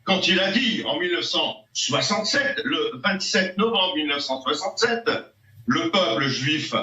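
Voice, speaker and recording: A man's voice: on the high side, expressive, moderate pace, sharp tone. A man arguing insistently as a guest in a heated televised debate, lecturing his opponent and pressing questions. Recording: echoey distant dull TV audio.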